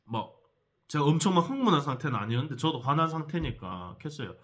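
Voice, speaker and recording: A man tells his viewers a heated story, and he swears as he goes. His voice is bright and sharp, and his pitch swings up and down with every turn of the story. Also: very animated, fast talker. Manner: heated, profane, addresses viewers directly. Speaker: vlogger telling a personal story. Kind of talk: animated storytelling vlog.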